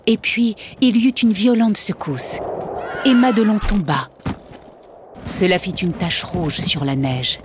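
Slow, expressive woman storyteller. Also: fairly low pitch, background noise. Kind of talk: children's audiobook narration.

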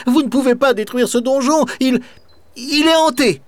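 A man's voice: very high-pitched, moderate pace, dry recording, voice pushed up. A man voicing a young boy in a children's storybook, earnest and pleading. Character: young boy, sad then determined.

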